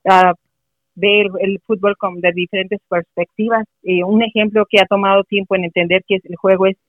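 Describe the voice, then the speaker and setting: A woman's voice: mid-range voice, fairly even intonation, moderate pace, dry recording. A middle-aged woman from Mexico City, a guest in a casual interview, speaking earnestly and encouragingly. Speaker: interview guest, mother of a player. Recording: muffled, dry recording.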